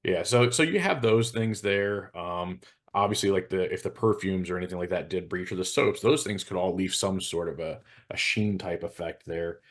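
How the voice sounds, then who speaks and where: An American man with a very low voice speaks as a hazmat specialist on a panel show. His informal explanatory discussion is measured and matter-of-fact.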